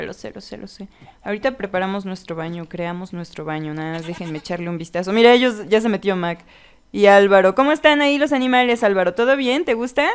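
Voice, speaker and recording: Woman, casual gameplay commentary, playful and chatty, smooth resonant voice. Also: medium pitch. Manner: playful, chatty, talks to her game pets. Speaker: let's play gamer.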